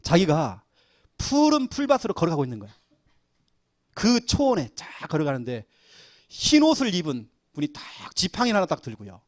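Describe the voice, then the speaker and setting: Middle-aged pastor guy preaching, pitch jumping all over, dry close sound. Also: normal speed, no echo. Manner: animated storytelling, acting out quoted voices. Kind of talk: sermon.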